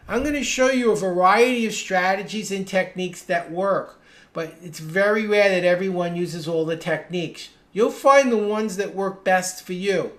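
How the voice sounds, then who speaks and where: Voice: medium pitch, fairly bright tone. A reading skills instructor teaching a live webinar, explaining patiently and stressing single words to show how inflection changes meaning. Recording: roomy echo.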